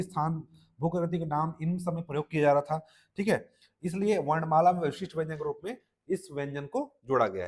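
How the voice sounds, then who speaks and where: A man's voice: fairly high pitch, darkish tone. A man with a Chhattisgarhi Hindi accent giving a classroom lecture for exam students, checking in with "okay" and quizzing his listeners. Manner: repeats "ठीक है" and quizzes listeners. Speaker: exam-prep Hindi teacher.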